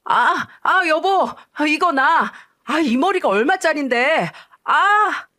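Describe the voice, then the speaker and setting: A woman's voice: medium pitch, sing-song, moderate pace, lightly acted. A woman voicing a middle-aged husband who gets flustered and whines. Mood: yelping in pain.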